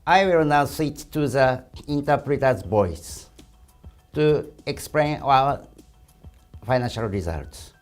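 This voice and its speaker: Formal man, halting scripted delivery. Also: medium pitch, animated, faint music behind. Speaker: company president and CEO. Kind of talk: scripted business presentation.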